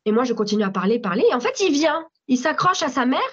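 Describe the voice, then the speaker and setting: A woman with a French accent giving a spontaneous spoken testimony at a church meeting, animated storytelling with frequent restarts. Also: high-pitched, fast, breathy edge. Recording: slightly dull audio recording.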